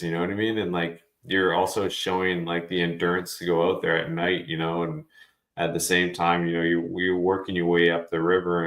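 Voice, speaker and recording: A man's voice: sits low, a bit bright, echoey room. A man hosting a podcast in casual chat, filling his talk with "like" and "you know". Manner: filler-heavy, says "like" and "you know" often. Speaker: podcast host.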